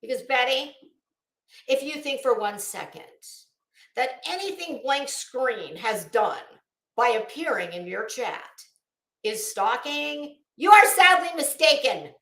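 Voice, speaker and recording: An American woman hosts a livestream, speaking slowly and expressively in a fairly high, bright voice. Her commentary is casual and profane, scornful and sarcastic, with heavily emphatic delivery, and the sound is roomy and echoing.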